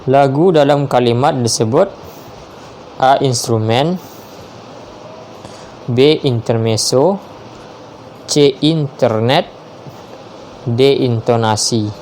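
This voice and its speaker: Slow, measured man reading quiz answers. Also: medium pitch, darkish tone, slight background noise. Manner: measured, spells out each option, confirms answers with "ya". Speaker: teacher reading quiz questions.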